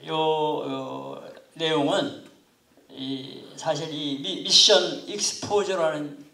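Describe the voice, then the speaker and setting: Heard from across a reverberant church classroom, a man in his seventies with a rough, gravelly voice set slightly high gives a lecture to lay students. He talks unhurriedly and politely, pausing often between phrases. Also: fairly even intonation, sharp tone. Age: 70s. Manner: unhurried, halting, polite formal speech. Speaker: pastor teaching a missions class. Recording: echoey room, far from mic.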